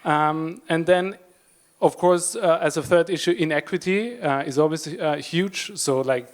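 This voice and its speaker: A man, a politician, speaks English at a conference panel with a somewhat high voice. He speaks in a hesitant way, with many restarts and fillers. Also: a little slow.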